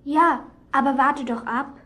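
A woman's voice: high-pitched, fairly even intonation, unhurried, pushed and bright. A woman acting an eager young girl who chimes into a story in a children's radio play. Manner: eager, interrupting.

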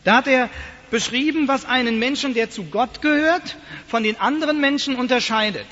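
A man preaching a sermon to his congregation in a church, telling stories in a lively, animated way. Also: very high voice, normal speed. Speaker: pastor. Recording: dull lo-fi sound, long church reverb.

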